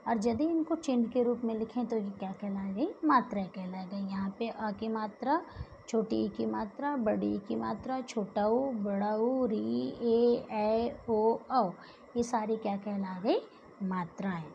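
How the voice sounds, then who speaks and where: A woman's voice: mid-range voice, normal speed, vocal fry, dull audio, a little hiss or hum. A woman teacher giving a grammar lesson, asking questions and answering them herself and drawing out the example sounds.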